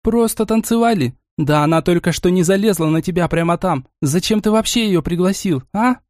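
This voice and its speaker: A fiery, jealous young grand duchess, voiced by a male narrator in a raised, strained pitch. She scolds and mocks in a sharp tongue. The sound is dry and close. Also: fairly quick, no room sound, natural voice. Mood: scolding.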